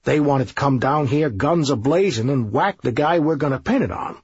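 A man's voice: medium pitch, animated, slightly rough, no echo, highs cut off, voice pushed up. A man voicing a scheming, bossy middle-aged police sergeant who waves off every worry. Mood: dismissive. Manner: brisk, bossy, dismissive.

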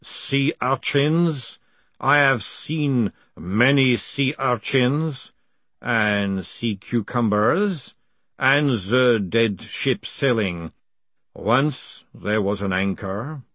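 A man voicing an ancient, solemn male clay golem messenger who speaks slowly and gravely. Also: mid-range voice, dry recording. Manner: slow, measured, flat and grave.

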